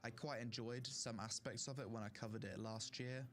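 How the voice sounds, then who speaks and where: In a mid-range, fairly bright voice with fairly even intonation, the young man streams at normal speed. He casually ranks online games by his own opinions, leaning on fillers, his throat strained from long talking.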